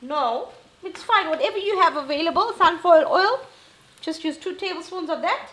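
Very high-pitched, animated, and a little bright, this middle-aged woman speaks at a moderate pace with a South African Indian English accent. As a cooking show host in her home kitchen, she chats reassuringly while preparing a recipe. Sizzling frying and room echo are audible.

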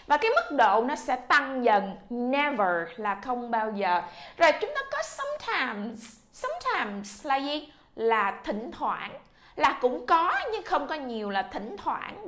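Vietnamese lady teacher drilling english words, kinda high voice, repeats sounds a lot. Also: fairly bright tone. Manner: drills sounds with repetition, coaxing. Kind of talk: classroom pronunciation lesson.

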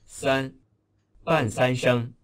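A man on a textbook recording, reading practice words with deliberate, carefully spaced syllables. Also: mid-range voice, steady tone. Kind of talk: slow pronunciation drill.

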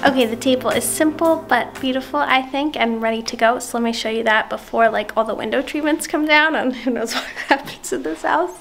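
Her voice sits high with vocal fry, moving a little fast with few pauses. She's a vlogger in her thirties of South African family background, talking casually and poking fun at herself from the open dining room and kitchen of her house.

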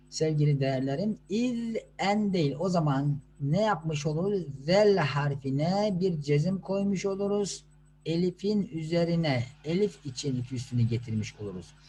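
A man teaching children to read Quranic letters, sounding out syllables slowly and patiently and answering his own questions. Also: a little high, darkish tone, slight background noise. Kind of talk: slow classroom instruction.

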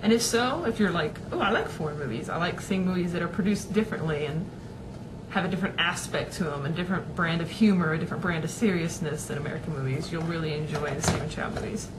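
A woman's voice: lowish voice, fast talker, noisy background. A young woman talking casually to her webcam in a small room at home, rambling with lots of fillers. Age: young adult. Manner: rambling, chatty, many fillers and restarts. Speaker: vlogger. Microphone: webcam at desk.

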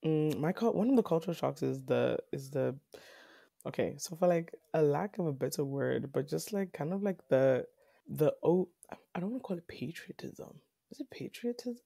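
A young South African woman, a guest on a podcast, chats casually in a low, husky voice with vocal fry at a moderate pace. The recording is dry and studio-clean, and her rambling talk is full of fillers and restarts, growing animated when she quotes others.

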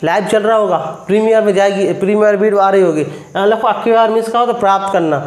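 A man teaching vocabulary in a live online class on a phone, quizzing his viewers again and again and spelling words out slowly. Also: sits high, echoey room.

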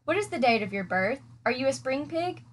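A woman's voice: high-pitched, big pitch swings, fairly quick, a little hiss or hum, voice pushed up. A woman voicing a wise, polite female spider in a storybook reading, composed and dry.

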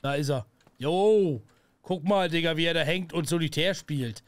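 Excitable young male gaming streamer. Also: a little high, normal speed, no echo. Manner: excitable, slangy, yelps at scares. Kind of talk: let's play commentary.

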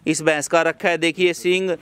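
Host: man, fairly high smooth voice, outdoor farm walkthrough, repeats answers for viewers. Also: little pitch movement, a bit bright, no echo. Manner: brisk, repeats each answer back to viewers. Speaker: channel host touring a dairy farm. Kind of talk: on-site walkthrough interview. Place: outdoor buffalo farmyard.

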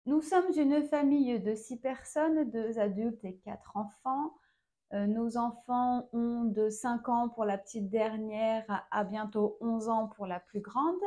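Woman, 30s, vlog host, casual talk to camera, slow unhurried pace, frequent hesitations, fairly high pitch. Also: mellow. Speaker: vlog host, mother of four.

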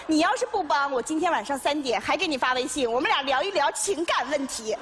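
A woman's voice: high-pitched, expressive, quick pace. A woman acting in a stage comedy sketch, teasing and wheedling. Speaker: comic actor in a sketch. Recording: stage mics, loud audience noise.

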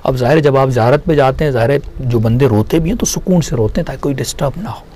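A man's voice: mid-range voice, fast talker, dark tone. A man giving a religious sermon as a story, narrating and acting out the characters' dialogue. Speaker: religious speaker.

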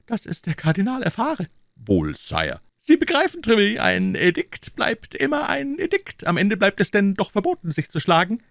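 A shrill, excitable king. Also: normal speed, vocal fry, no room sound, clean studio sound, full character voice. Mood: excited. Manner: high, shrill, eager and imperious. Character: excitable proud male king.

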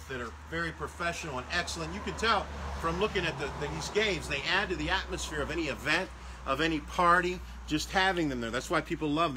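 Male salesman, slightly high voice, casual product walkthrough, noisy recording with vehicle noise behind. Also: pushed and bright. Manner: chatty, repeats prices, restarts phrases; walking around showing products. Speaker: salesman for a game rental company.

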